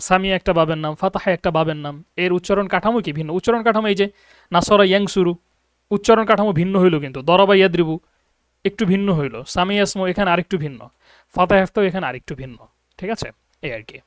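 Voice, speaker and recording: Brief: male online Arabic tutor, higher voice, close dry sound, keeps asking "got it?". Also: fairly bright tone, no echo. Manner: explains patiently, often checks understanding with questions. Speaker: Arabic teacher. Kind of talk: online grammar lesson. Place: abroad in Egypt, teaching online.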